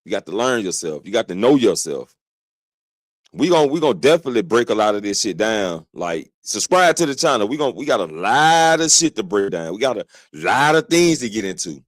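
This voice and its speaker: A man hosting a stream, giving casual reaction commentary in a relaxed way, talking back to the clip and laughing now and then. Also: on the low side, brisk, no echo, clean studio sound. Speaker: stream host.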